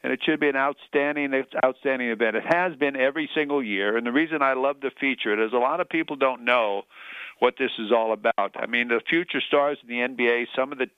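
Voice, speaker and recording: A man's voice: mid-range voice, brisk, smooth, dry recording. Male sports talk host, promotional and emphatic, resonant voice, dry and slightly muffled broadcast sound. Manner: effusive, promotional, repeats phrases for emphasis. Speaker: sports radio show host. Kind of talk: sports talk radio hosting and interviewing. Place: radio show broadcast.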